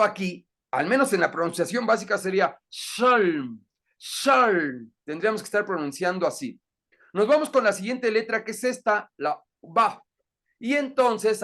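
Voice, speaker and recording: A man's voice: high voice, fairly bright tone. A man teaching an introductory Bible class, explaining patiently and often checking that the listener is following. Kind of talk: catechism lesson.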